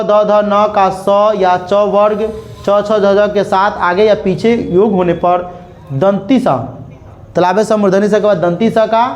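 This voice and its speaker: A young man with a Bihar Hindi accent teaches a grammar lesson, his voice sitting notably high. He spells out each example slowly, repeating words, and keeps checking with students whether it is clear. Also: a little mellow.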